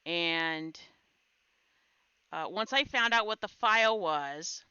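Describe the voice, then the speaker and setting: A woman hosting a live stream, telling a funny story in a casual, animated way and laughing along. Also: lowish voice, slow pace, clean tone, no room sound, highs cut off. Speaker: stream host.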